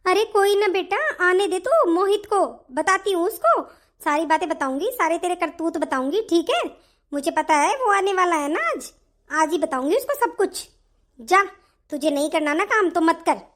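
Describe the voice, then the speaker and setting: A woman voicing a bossy, nagging older mother-in-law in an animated family story, with a sharp, commanding delivery. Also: very high voice, normal speed. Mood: grumbling.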